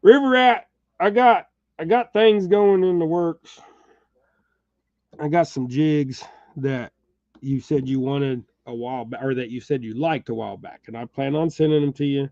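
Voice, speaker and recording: A middle-aged man with a slight Texas-tinged American accent rambles along in easy, chuckling chat, speaking to his viewers by name. His voice sits a little high for a man. The recording is dry and a bit muffled. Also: normal speed, a little mellow, dry recording. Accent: Texas-tinged American, says y'all. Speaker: channel host. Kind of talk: casual chat while tying jigs. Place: home workshop.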